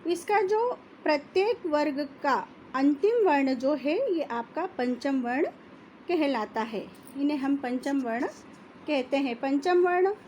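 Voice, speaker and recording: Woman teaching a lesson, slow and careful, repeats each sound, bit of faint noise behind. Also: sits high, a little mellow. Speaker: Hindi teacher. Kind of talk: classroom lesson.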